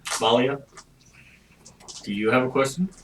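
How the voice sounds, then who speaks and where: A man's voice: medium pitch, expressive, a little slow, noisy background. A man running a tabletop game as game master, explaining the world's lore to his players. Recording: distant mic, music bed.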